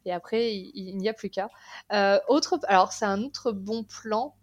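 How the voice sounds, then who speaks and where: A woman's voice: mid-range voice, unhurried. Young woman podcast guest, chatty and enthusiastic, restarts often. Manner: enthusiastic, many fillers and restarts. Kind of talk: casual podcast chat.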